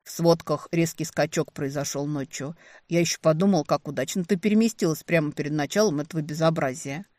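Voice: medium pitch, fairly quick, a little mellow, dry recording, studio quality, natural voice. A reader voicing a male dragon, an earnest and worried ally. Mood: concerned. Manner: earnest, concerned.

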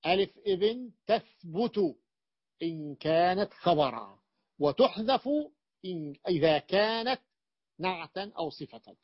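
A man teaching Arabic grammar as a sheikh, explaining slowly and repeating his points with fillers and restarts. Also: high voice, expressive, dry recording, highs cut off. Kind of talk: classroom lecture.

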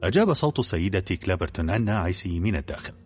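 A man reads an audiobook in a very deep, husky voice. He narrates fast and briskly, steady and even. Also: soft background music.

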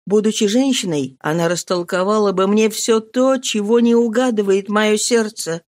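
A woman's voice: mid-range voice, a little mellow, dry recording, clean studio sound, natural voice. A woman voicing a troubled young man brooding alone, as an audiobook monologue. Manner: brooding, self-questioning inner monologue. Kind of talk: audiobook reading.

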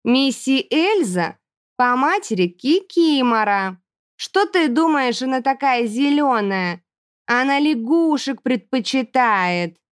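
A woman's voice: sits high, lively intonation, slow, no echo, clean studio sound, voice pushed up. A woman reading an audiobook, voicing a grumpy, sarcastic student girl who scoffs and grumbles. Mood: confiding.

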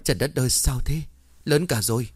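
A man's voice: mid-range voice, a little fast, slightly rough, no echo, pitched above the performer's own voice, natural voice. A man voicing a frightened young wife who scolds and pleads shrilly. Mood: exasperated.

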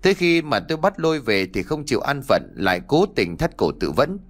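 A man's voice: medium pitch, sing-song, fairly quick. A male narrator gives voice to a haughty servant of a powerful lord in a spoken storybook. He speaks coldly and without a trace of pity. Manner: cold, unsympathetic.

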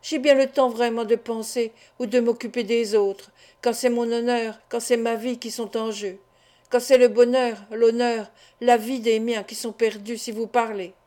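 Scornful rich lady in an audiobook read by a woman, cold, reproachful, mellow voice. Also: fairly high pitch, level tone, moderate pace, close to an everyday voice. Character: proud, scornful society woman.

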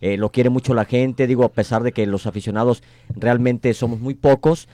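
A man's voice: mid-range voice, fairly even intonation, moderate pace, dark tone, no room sound. A man co-hosting a radio talk show, giving emphatic opinions. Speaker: radio co-host. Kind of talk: radio commentary. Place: radio studio.

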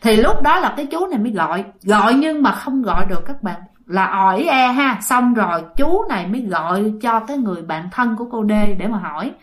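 A woman's voice: a little high, animated, a little fast, hardly any pauses. A woman with a Southern Vietnamese accent telling a ghost story, chatty and dramatic, addressing her listeners directly. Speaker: storyteller host.

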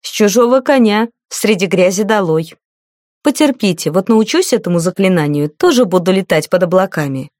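A woman's voice: medium pitch, expressive, normal speed, a little mellow, no room sound, clean studio sound, close to an everyday voice. A woman voicing a gloomy young duchess in an audiobook, speaking with a wry, sighing resignation. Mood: resigned.

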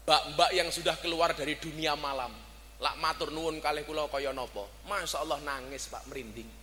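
Sharp-voiced Javanese preacher in a hall. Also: male voice, on the high side, normal speed. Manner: animated storytelling, swings between loud and soft. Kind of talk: sermon. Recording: reverberant hall, faint background noise.

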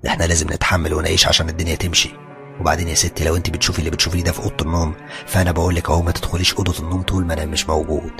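A man's voice: low voice, little pitch movement, very fast, creaky, music in the background, voice pushed down. A man voicing a hard-pressed, stubborn young husband with an Egyptian accent, blunt and complaining. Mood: weary. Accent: Egyptian Arabic.

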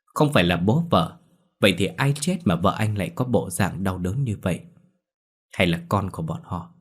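Deep husky male ghost-story narrator. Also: lively intonation, normal speed.

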